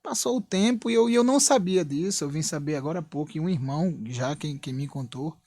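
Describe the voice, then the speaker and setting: A man's voice: on the high side, brisk, darkish tone. Earnest Brazilian man telling his testimony. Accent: Brazilian Portuguese. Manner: earnest, repetitive storytelling with frequent "né?". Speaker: church member giving testimony. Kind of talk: personal testimony in church.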